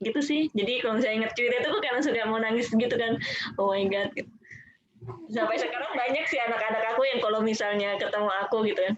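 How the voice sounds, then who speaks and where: A woman's voice: on the high side, quick pace. Chatty woman teacher on a dull line. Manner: chatty, heavy use of fillers. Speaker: special-needs teacher. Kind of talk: casual live chat storytelling.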